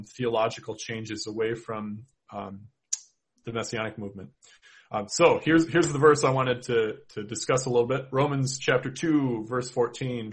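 A man with a Minnesota accent speaks at an ordinary middle pitch. He works through his points slowly, pausing on fillers and restarting his sentences. It sounds like a relaxed podcast discussion. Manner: thoughtful, many fillers and restarts. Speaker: podcast co-host. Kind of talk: casual theological discussion.

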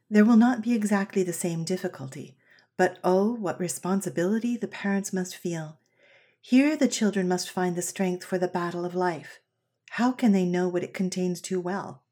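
Woman reading aloud, measured and earnest. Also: medium pitch, mellow. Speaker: reader of an old parenting essay. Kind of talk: scripted narration.

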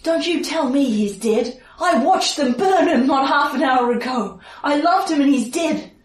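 A woman's voice: high-pitched, animated, a little slow, voice pushed up. Lady playing a defiant grieving townswoman, raised voice, echoey far mic. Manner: fierce and defiant. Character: grieving, defiant young woman ready to fight.

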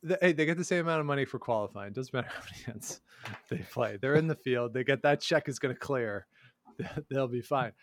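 A man's voice: medium pitch, a little fast. Wry chuckling man in casual sports chat. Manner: wry, sarcastic, chuckling asides. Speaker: podcast co-host.

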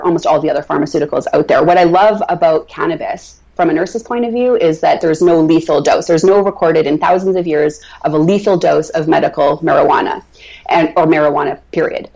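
Brief: female nurse guest, low gravelly voice, chatty and loose, dull lo-fi radio sound. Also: a little mellow. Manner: chatty, with many restarts. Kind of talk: casual interview talk. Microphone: radio show mic.

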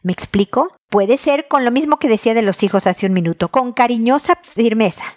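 A woman hosting an advice show, answering a listener by name with firm warmth. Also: a little high, a little fast.

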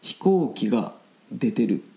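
A man teaching Japanese vocabulary in a casual lesson, explaining slowly in simple Japanese with English glosses mixed in. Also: mid-range voice, very animated, warm tone, echoey room, poor audio.

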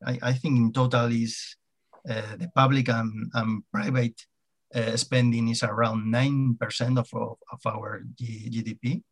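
Male podcast guest, native Spanish with Spanish accent, conversational but halting, repeats words as he explains. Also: medium pitch, flat delivery. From Spain. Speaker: podcast guest, hospital CIO. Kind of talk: conversational interview.

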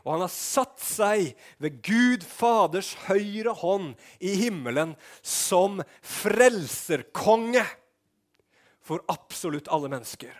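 Male preacher with a high voice, fervent sermon delivery, swings from shouting to hushed. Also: expressive.

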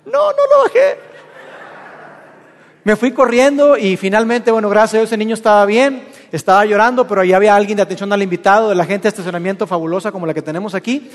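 A man's voice: sits high, racing, hardly any pauses, big-room sound. A man with a Mexican accent, preaching a sermon to his congregation and telling personal stories as the pastor. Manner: storytelling with personal anecdotes, addressing the congregation. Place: church.

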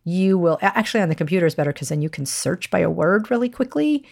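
A woman hosting a podcast as a media coach, giving instructional advice in a clear, measured way. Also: on the low side, animated, a little mellow.

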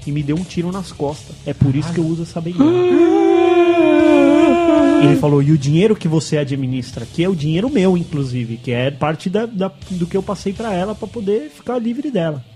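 Animated man telling a funny story. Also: a little high, fairly quick, over music. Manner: animated, acts out quotes, laughs often. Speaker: podcast guest telling a story. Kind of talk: casual storytelling chat.

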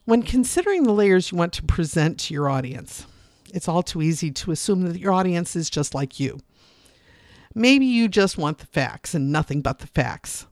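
A public speaking teacher delivers a scripted instructional lesson, often changing tone expressively to illustrate points. The voice is mid-range at normal speed, recorded with studio quality and no echo.

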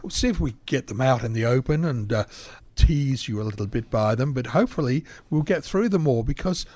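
A man hosting a radio talk show, chatty and rambling, a little croaky, speaking from a studio. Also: medium pitch, fairly quick, dry recording. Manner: lively, chatty, rambling introductions.

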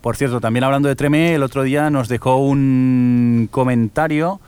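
Un presentador de pódcast con acento de España que charla de series de forma relajada y con muletillas. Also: male voice, mid-range voice, moderate pace, clean tone, no room sound. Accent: Spain Spanish. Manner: relaxed, rambling with fillers. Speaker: podcast host. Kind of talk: casual podcast chat.

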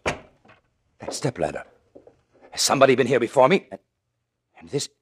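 A furtive, anxious man with an extremely deep voice. He talks to himself theatrically, in 1940s radio drama style. The old recording carries faint noise. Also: lively intonation, a little slow, exaggerated voice. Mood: horrified, panicked. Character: furtive, anxious man sneaking through his childhood home.

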